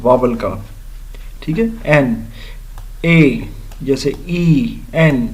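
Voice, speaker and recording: A man teaching an English grammar lesson, explaining slowly, spelling out letters and repeating words for his students. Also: medium pitch, darkish tone. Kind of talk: recorded grammar lecture.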